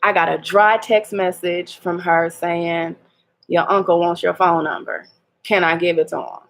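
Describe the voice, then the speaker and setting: A woman's voice: fairly low pitch, little pitch movement, measured pace. A woman, talking candidly in a personal vlog, hurt and laughing ruefully through her restarts. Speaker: vlogger.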